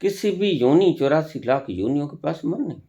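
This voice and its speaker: A man giving a spiritual discourse as a teacher, speaking deliberately with long pauses and sometimes scolding his listeners with rhetorical questions. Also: on the high side, very animated, mellow.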